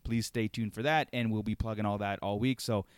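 A man's voice: lowish voice, fairly even intonation, brisk, clean tone, dry recording. A man hosting a casual fan podcast, laughing often and talking in loose fragments. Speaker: podcast host.

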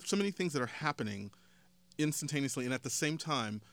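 A chatty male radio host interviewing guests in a studio. His voice sits at an ordinary middle pitch, and he talks in an animated, joking way. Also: fast, no room sound. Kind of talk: casual interview chat.

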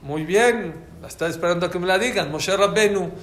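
A man's voice: high voice, fairly quick, echoey room, slight background noise. A man with a Mexican Spanish accent teaching a religious class, telling stories and quizzing his listeners. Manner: animated, quizzes the audience.

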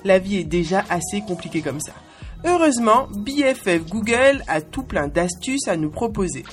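A woman in her twenties hosting a podcast, with a playful, cheeky scripted monologue spoken straight to the listener. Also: mid-range voice. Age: 20s. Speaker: podcast host.

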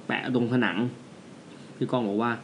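A man's voice: mid-range voice, steady tone, dull audio, slight background noise. A man co-hosting a casual podcast, telling ghost stories in a loose, slangy way. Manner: fast, loose storytelling with crude slang. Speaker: podcast co-host. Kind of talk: casual ghost-story chat.

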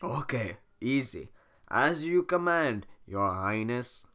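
A gruff, unbothered ogre, voiced by a hoarse reader. Short, blunt lines with a forceful, bright tone. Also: mid-range voice, animated, slow. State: sick, hoarse throat.

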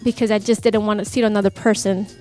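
A woman's voice: mid-range voice, little pitch movement, fast talker, a little mellow. A woman guest on a radio interview, earnestly and reflectively talking about coaching music artists. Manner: earnest, reflective, laughs readily when teased.

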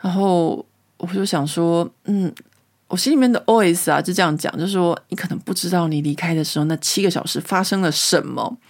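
A woman, hosting a podcast and telling a story in a casual, animated way. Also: on the low side, a little fast. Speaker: podcast host.

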